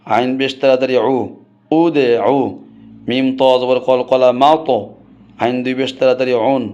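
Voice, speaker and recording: A man's voice: mid-range voice, darkish tone, highs cut off. A male Quran reading teacher leading a rhythmic spelling drill and then explaining it to viewers. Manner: rhythmic, chanting recitation of letters.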